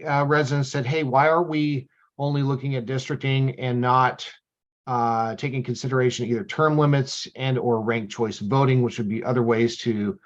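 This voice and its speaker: A man calling in over a group video call to give a polite, halting public comment to a council, with many fillers. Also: medium pitch. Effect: heard over a group video call. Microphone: computer or phone on a video call. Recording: dull lo-fi video call audio.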